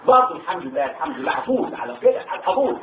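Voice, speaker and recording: An older Egyptian man with an Egyptian Arabic accent, a war veteran telling his story to a salon audience in an animated, halting way. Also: a little hiss or hum. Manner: animated, rising into high pitch when moved, halting restarts. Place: hall at a literary salon. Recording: tinny distant hall recording with echo.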